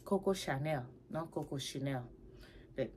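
A woman with a fairly low voice chats to her camera at home, animated and playful, showing off her things. A faint hum of room ambience sits behind her. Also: measured pace. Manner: chatty and animated, with playful asides. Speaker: vlogger showing her handbags. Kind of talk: casual chat to camera.

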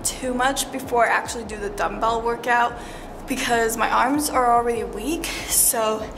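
A woman's voice: a little high, fairly even intonation, moderate pace, over music. A young woman filming a casual day-in-the-life vlog, rambling with lots of fillers and small laughs. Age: young adult. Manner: rambling, many fillers like "like" and "yeah", giggly. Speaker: vlogger. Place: dorm room, then a small campus gym. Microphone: phone or camera set up nearby.

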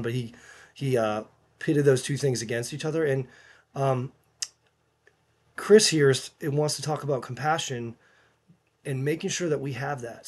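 A man talking casually to his video audience in a mid-pitched voice. He speaks earnestly and haltingly, filling gaps with ums and often restarting his sentences. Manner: halting, many fillers and restarts; earnest, recommending. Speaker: YouTube channel host.

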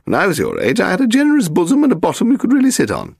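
A man reading an audiobook voicing a frail, sharp-tongued aristocratic woman in her eighties with a high, imperious voice. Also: huge pitch swings, rapid-fire, creaky, breathy edge, dry recording, studio quality, exaggerated voice. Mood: grand. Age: 80s.

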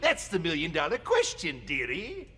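An actor playing a gleeful, mocking villain clown with sadistic wit and a theatrical, teasing delivery in a video game. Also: male voice, a little high, wildly swooping pitch, normal speed, music in the background. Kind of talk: video game character dialogue.

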